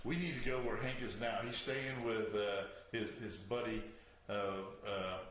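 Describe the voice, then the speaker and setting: A man's voice: lowish voice, steady tone, normal speed, fairly bright tone. A man hosting a show, chatting casually and rambling through a story with a joking, easygoing manner. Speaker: show host. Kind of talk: casual chat. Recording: echoey room with faint noise.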